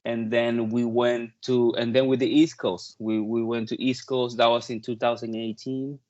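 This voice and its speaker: The interview guest is a Peruvian touring drummer in his thirties, a native Spanish speaker who chats casually and talkatively with frequent "like" and "you know." His darkish, mid-range voice stays fairly flat in pitch at a normal speed, and the recording is muffled.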